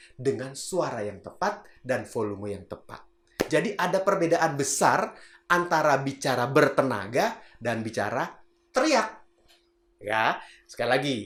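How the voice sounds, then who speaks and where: A man's voice: medium pitch, a bit bright. A man teaching public speaking in a casual, chatty video lesson. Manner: chatty, acts out example voices, laughs at own jokes. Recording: roomy echo.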